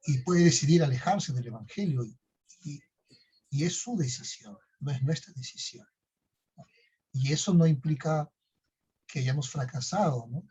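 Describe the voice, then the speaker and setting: Husky breathy man, casual storytelling, dull lo-fi sound. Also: mid-range voice, darkish tone. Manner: conversational, tags phrases with "¿no?". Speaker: podcast co-host.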